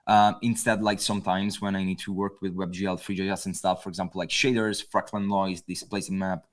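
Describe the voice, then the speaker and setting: A man with an Italian accent, a guest designer talking in a casual panel chat, halting and full of fillers. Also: low-pitched, flat delivery. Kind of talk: casual panel chat over a video call.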